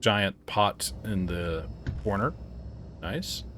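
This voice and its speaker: Casual gameplay commentator, male, low voice, lively and puzzled, faint hiss behind. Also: very slow. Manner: puzzled, thinking aloud, startled yelps and laughs. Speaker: game reviewer playing a horror game. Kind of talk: casual let's-play commentary.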